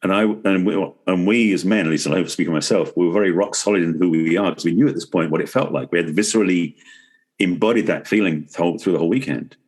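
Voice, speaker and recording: Speaking rapidly in a low, darkish, slightly rough voice, this man is a relationship expert and author guesting on a podcast. He explains his points earnestly over the course of a conversational interview.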